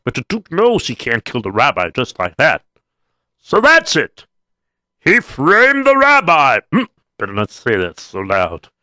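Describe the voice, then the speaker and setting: Pondering officer, bright edgy tone, lively pitch, hums to himself, voiced by a man. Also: moderate pace, no echo, studio quality, full character voice. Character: Captain Dominic, thoughtful male officer.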